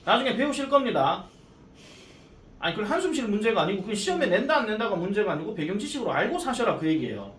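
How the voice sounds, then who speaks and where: A male cram-school English teacher lectures on grammar in a casual, joking way and slows right down to read English aloud. His pitch swings in a lively way. The echoey classroom is picked up from a distance, with a faint hum of room noise. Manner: casual and joking, reads English lines out slowly.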